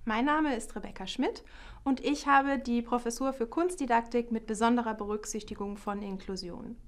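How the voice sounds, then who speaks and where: Lively middle-aged German professor, higher voice. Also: female voice, normal speed. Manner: lively, standing and gesturing while talking. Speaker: art education professor, keynote speaker. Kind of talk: scripted video trailer, improvised storytelling.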